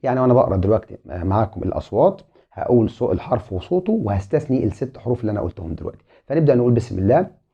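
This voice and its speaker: A man's voice: medium pitch, big pitch swings, rapid-fire, slightly rough. A man with an Egyptian Arabic accent teaching an online English lesson, saying each letter twice and politely addressing viewers as a group. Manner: spells letters aloud, repeating each twice. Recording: muffled lo-fi sound.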